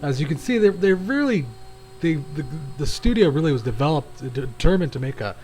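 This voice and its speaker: A man's voice: fairly high pitch, lively intonation, brisk, a little mellow, a little hiss or hum. A man hosting a gaming channel, giving casual, rambling commentary with frequent restarts while he plays.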